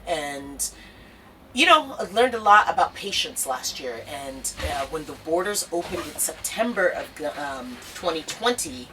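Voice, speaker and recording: A young American singer-songwriter talks about her music in a casual documentary interview, earnest and rambling, with many fillers and restarts. Her voice is deep, sing-song, pushed and bright, and she speaks unhurriedly. The rough recording comes from a distant mic and has a little hiss or hum.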